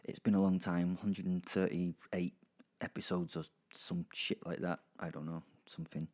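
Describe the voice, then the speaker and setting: Here a man's deep, slightly mellow voice comes at a moderate pace with a flat delivery. As host and narrator of a podcast, he rambles through a casual recap for listeners, cracking dry jokes and cutting himself off, with music playing beneath.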